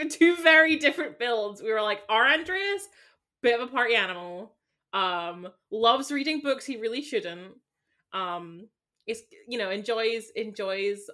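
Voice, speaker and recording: A woman's voice: mid-range voice, a little slow, sharp tone. A woman guest on a podcast who chats about games in an upbeat, talkative way. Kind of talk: casual chat.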